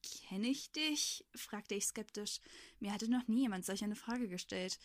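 A woman reading a first-person story aloud, expressive in her delivery. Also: medium pitch, moderate pace, dry recording, clean studio sound.

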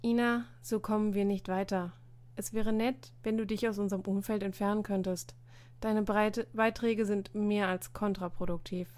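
A woman's voice: mid-range voice, steady tone, normal speed, a little mellow, lightly acted. A woman reading a story aloud and voicing a brooding teenage schoolboy who speaks in a pondering, stiffly formal way.

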